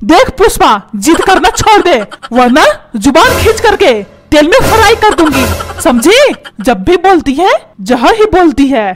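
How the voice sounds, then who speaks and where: A woman's voice: very high voice, sing-song, measured pace, over music, heavily acted. A woman voicing a hot-tempered, stingy cartoon father who scolds and barks orders. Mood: scolding. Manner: scolding, bossy, shouting orders.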